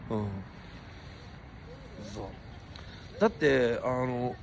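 Lively-pitched man rambling on a livestream. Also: slight background noise. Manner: rambling, shifts between polite and blunt speech. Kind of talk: casual livestream talk.

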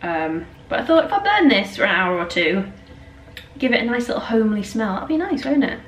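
A young vlogger from northern England talks casually and self-mockingly to camera inside an empty house, where the bare rooms give her voice a cave-like echo. Her medium-pitched delivery is sing-song and brisk, and the recording carries faint noise.

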